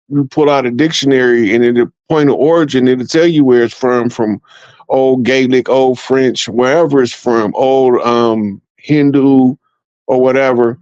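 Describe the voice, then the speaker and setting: A man co-hosting a casual discussion, explaining things slowly with many pauses. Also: mid-range voice, darkish tone, dry recording. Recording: dry, slightly dull audio.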